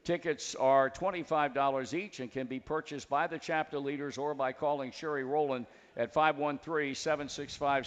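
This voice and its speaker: A man's voice: a little high, big-room sound. A man hosting a sports call-in radio show, talking in a folksy, wry way. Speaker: radio talk show host.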